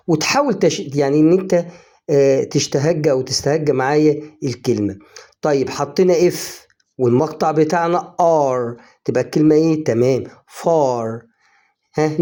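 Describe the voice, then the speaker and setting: A man's voice: fairly high pitch, mellow. A man with an Egyptian Arabic accent teaching English phonics in an online lesson, coaxing, often prompting the viewer and drawing out the example words. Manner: drawn-out, slowed example words.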